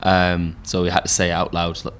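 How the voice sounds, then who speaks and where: Deep-voiced Geordie man chatting. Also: normal speed, a little hiss or hum. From Newcastle, England. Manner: relaxed storytelling with frequent fillers. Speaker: podcast host and musician. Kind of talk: casual pub chat. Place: pub.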